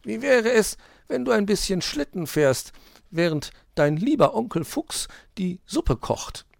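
A man voicing a bossy, scheming female magpie in a storybook, sharp and falsely sweet. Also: high voice, sing-song, unhurried, gravelly, no echo, voice pushed up, full character voice. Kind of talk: storybook read-aloud.

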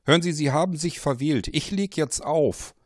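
A man with a mid-range, lively voice, pitched a bit above his natural one yet still close to everyday speech, plays a confused male character who picks up a strange call and fires back defensive questions in a bewildered mood. He talks at normal speed, and the studio recording is clean with no echo.

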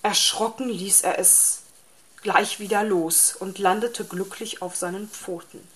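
A woman reading a children's story aloud in a gentle, measured way. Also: medium pitch, fairly even intonation. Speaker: narrator.

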